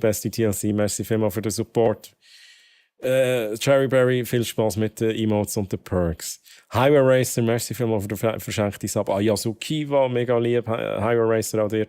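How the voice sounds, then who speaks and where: A man's voice: fairly low pitch, a little mellow. A man with a Swiss accent talking casually as a live streamer, thanking and greeting viewers and mixing dialect and English slang into his German.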